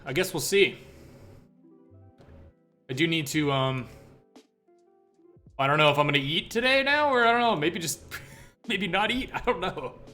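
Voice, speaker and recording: Bright-voiced man chatting on a livestream. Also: on the high side, expressive, unhurried, pauses often. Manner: informal, slangy bro talk. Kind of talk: casual livestream chat, replying to viewers. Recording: music playing behind the voice. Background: background music.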